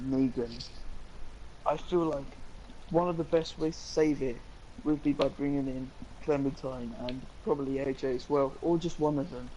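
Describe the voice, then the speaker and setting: A man's voice: on the high side, darkish tone, dull audio, a little hiss or hum. A young man, co-hosting a casual live-stream chat, rambling eagerly with lots of fillers. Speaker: co-host.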